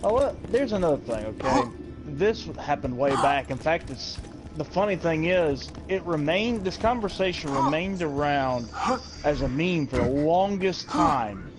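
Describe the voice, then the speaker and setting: An animated man with a high voice talks casually, swinging his pitch around. He is emphatic and swears freely, with music audible behind him. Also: a little slow. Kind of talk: casual chat, telling anecdotes.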